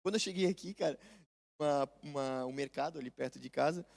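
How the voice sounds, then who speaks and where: A man's voice: a little high, quick pace, gravelly, no echo. A man with a Brazilian Portuguese accent, a chef guest chatting and telling stories with lots of slang. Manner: lively storyteller, fills his talk with "cara" and "brother". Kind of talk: casual conversation.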